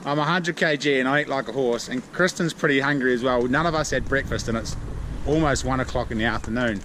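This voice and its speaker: Casual male vlogger, broad New Zealand accent, blokey slang, recorded over clear street and outdoor noise. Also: mid-range voice, fast, a bit bright. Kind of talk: casual vlog chat. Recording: noisy outdoor vlog audio, traffic and ambience.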